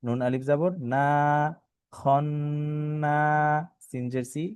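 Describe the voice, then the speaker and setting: Teaching Quran reading online, a man with a Bangladeshi Bengali accent spells out Arabic syllables one at a time, then recites the words in a drawn-out, melodic manner. His mid-range voice has a dark tone, and the recording is dry.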